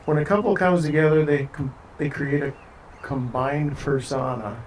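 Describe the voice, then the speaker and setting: A man leading a wedding ceremony as officiant, speaking in a steady, formal way with light joking asides. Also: on the high side, normal speed. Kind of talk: ceremony address. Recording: distant mic, faint background noise.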